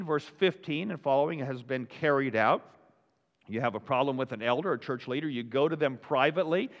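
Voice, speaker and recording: Pastor, male, brisk conversational sermon, slightly high voice, muffled echoing sanctuary recording. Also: fairly bright tone. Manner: conversational, quick, checks in with the congregation. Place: church sanctuary.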